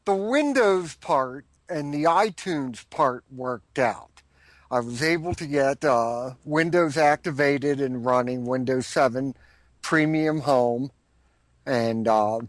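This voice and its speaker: A matter-of-fact man, dry in tone, joins a casual chat from afar as a guest. His voice is mid-pitched and sounds close, with no room echo. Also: fairly bright tone. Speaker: remote guest.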